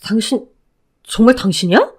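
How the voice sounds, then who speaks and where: A woman's voice: on the high side, animated, normal speed, husky. A woman voicing a wheedling, self-pitying ex-husband who begs his former wife to take him back, in a Korean audio drama. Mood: pleading. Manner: pleading, whiny.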